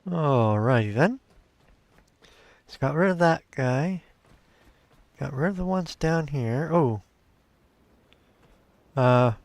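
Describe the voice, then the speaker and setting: Slow-talking man narrating his gameplay. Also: fairly high pitch, expressive, no echo. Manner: thinks aloud, talks to viewers. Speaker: let's play host. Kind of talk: casual gameplay commentary.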